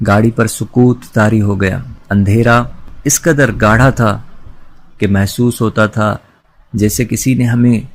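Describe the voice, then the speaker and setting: A man narrates a literary short story with measured, dramatic delivery. His pitch is typical for a man, neither high nor low. The reading is steady and carefully paced. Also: creaky.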